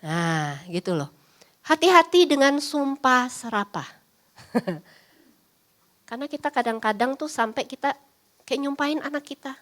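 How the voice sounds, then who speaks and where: Lady psychologist doing a parenting class, kinda high voice, chatty and teasing, acts out what parents n kids say. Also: animated, moderate pace, long pauses. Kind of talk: parenting seminar talk.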